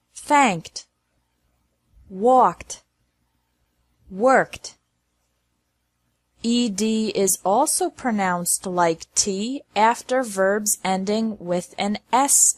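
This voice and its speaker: A woman reading a scripted pronunciation lesson in a clear, deliberate, carefully enunciated way. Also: mid-range voice, no echo. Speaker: pronunciation teacher.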